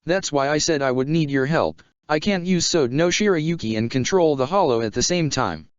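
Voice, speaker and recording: A man's voice: fairly high pitch, lively intonation, normal speed, clear, resonant tone, no room sound, lightly acted. A man reading the lines of a young male swordsman in a story, determined and matter-of-fact. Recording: dull lo-fi sound.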